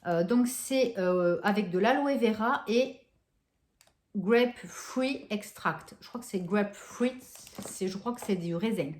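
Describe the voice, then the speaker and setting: A woman's voice: mid-range voice, measured pace, darkish tone, a little hiss or hum. A woman chatting casually through a shopping haul, hesitant with many fillers and restarts, gushing over scents. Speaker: vlogger showing a shopping haul. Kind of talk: casual haul vlog chat. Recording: echoey room.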